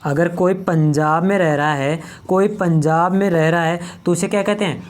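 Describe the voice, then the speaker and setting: A man from Rajasthan leads a board lesson, quizzing his students and then answering his own questions. He repeats each term several times and stretches out the words as he drills them. His voice sits fairly high for a man. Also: steady tone. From Rajasthan, India. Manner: asks the class questions and answers them himself, repeating key terms; slow, drawn-out drilling of words. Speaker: teacher. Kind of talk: exam-prep grammar lesson at a board.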